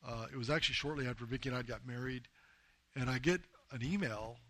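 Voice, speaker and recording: An earnest pastor preaching a sermon, mid-pitched and conversational, leaning on emphasis and small fillers. The recording is dry and close, with no room sound around his voice. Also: fast talker, sharp tone, dry recording. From United States. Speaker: pastor and missionary leader. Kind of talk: sermon with personal storytelling.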